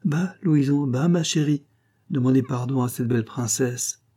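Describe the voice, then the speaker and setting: A bold, good-humoured old-world sea captain speaks with swagger and teasing cheer, as a male audiobook reader puts him on. His voice is mellow and slightly husky. He sounds like a storybook figure from an adventure tale. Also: medium pitch, normal speed, voice pushed up, close to an everyday voice. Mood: coaxing.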